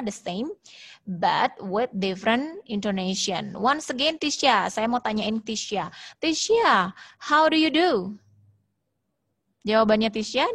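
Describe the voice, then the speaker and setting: An Indonesian-accented woman teaches an English lesson over a video call, with a middle-pitched voice. She explains at length, repeats herself, and slows down to model each phrase. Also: a bit bright. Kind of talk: online class lesson, mixing Indonesian and English.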